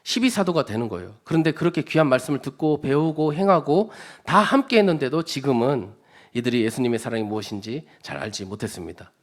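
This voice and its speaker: A man's voice: mid-range voice, animated, fast talker. Man preaching a conversational sermon. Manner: conversational, often asks the congregation questions; acts out quoted speech with rising emphasis. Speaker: church evangelist preaching.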